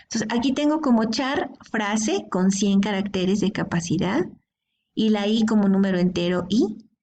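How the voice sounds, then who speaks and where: A woman's voice: mid-range voice, moderate pace, darkish tone, slight background noise. A woman teaching a programming class, explaining step by step and often checking in with her students. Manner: explanatory, checks in with frequent "¿sí?" and "¿de acuerdo?". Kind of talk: screen-recorded coding lesson.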